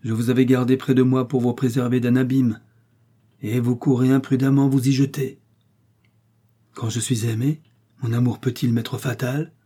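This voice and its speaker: A man reading the part of an older monk prior, grave and measured, stern but fatherly. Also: medium pitch, little pitch movement, dark tone, husky, close to an everyday voice. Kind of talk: audiobook reading.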